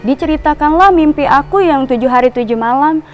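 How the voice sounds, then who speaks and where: A woman's voice: sits high, fairly quick, darkish tone, faint music behind. A woman from Java telling a personal story as a guest, rambling with restarts and asides. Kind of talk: casual storytelling.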